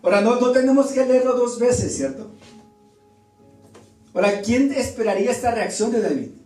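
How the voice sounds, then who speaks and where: A man preaching a sermon in a church, telling the story in an animated way and acting out the voices in it. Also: very high voice, moderate pace, soft background music. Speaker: pastor. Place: church hall. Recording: echoey church room, far from mic.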